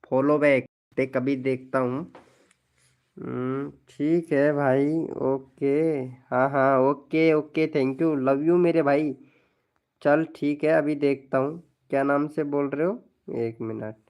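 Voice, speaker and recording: A man chatting casually with viewers on a live stream, slowly reading out their names and IDs. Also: mid-range voice, darkish tone.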